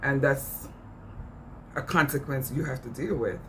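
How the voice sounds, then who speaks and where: A middle-aged man with a Jamaican accent speaks out on immigration issues, impassioned and informal, earnestly repeating phrases for emphasis. His mid-range voice is unhurried. The audio is poor, with a little hiss or hum.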